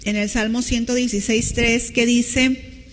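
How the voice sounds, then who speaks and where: High-voiced Mexican woman preaching slowly. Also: level tone, in a large hall, a little hiss or hum. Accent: Mexican Spanish. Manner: teacherly, asks the congregation questions. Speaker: pastor. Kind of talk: sermon. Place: church hall with long reverb.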